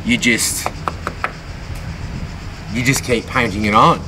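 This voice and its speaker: A man's voice: mid-range voice, slow, far from the mic, background noise. A man sailing vlogger casually explaining boat maintenance outdoors at a boatyard, recorded on a handheld camera. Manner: relaxed, explanatory, jokey. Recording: background music under the voice. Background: background music.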